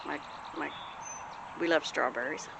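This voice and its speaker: A folksy Southern US woman with a heavily creaky, gravelly voice on the lower side for a woman. She rambles in plain-spoken, homespun show-and-tell fashion. The recording is outdoors, with loud background noise and birds. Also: steady tone, a little slow. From the American Deep South. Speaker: homesteader vlogger. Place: outdoors in a rural yard.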